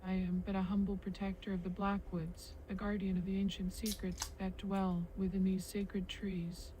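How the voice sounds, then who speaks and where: A woman's voice: mid-range voice, flat delivery, normal speed, mellow, slight background noise, lightly acted, rough recording. A woman voicing a kindly forest spirit, an ancient guardian in a game, speaking in flowery, solemn phrases. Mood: serene, gracious. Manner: flowery, solemn storybook speech. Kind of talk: scripted video game character dialogue.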